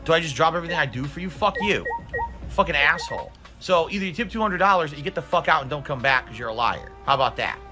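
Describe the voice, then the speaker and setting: A man's voice: on the high side, expressive, fast, over music. A man talking bluntly and combatively as a streamer, in casual livestream talk. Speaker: video game streamer.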